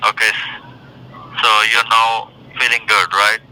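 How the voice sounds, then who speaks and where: Male telemarketer, very bright forceful voice, screening customers over a faintly noisy phone line. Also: fairly low pitch, flat delivery, measured pace. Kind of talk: phone sales screening questions. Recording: telephone call with faint noise.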